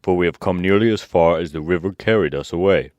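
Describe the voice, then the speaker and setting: A straw scarecrow from a storybook , voiced by a male narrator, reasoning aloud in a low male voice. The delivery is declarative and thoughtful, close and without room sound. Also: quick pace, a little mellow, dry recording, dull audio, close to an everyday voice. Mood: matter-of-fact.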